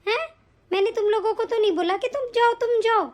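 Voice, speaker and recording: Lady voicing a self-pitying older mother-in-law, whiny and reproachful, super high voice, cartoon story. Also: a little fast. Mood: defensive. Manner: complaining, reproachful. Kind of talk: animated story voice acting.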